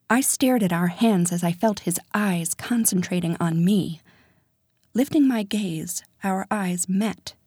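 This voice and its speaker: Soft-spoken woman narrating in breathy tones. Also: medium pitch, dry recording, clean studio sound. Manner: soft and intimate, often dropping to a whisper. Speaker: audiobook narrator. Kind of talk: first-person storybook narration.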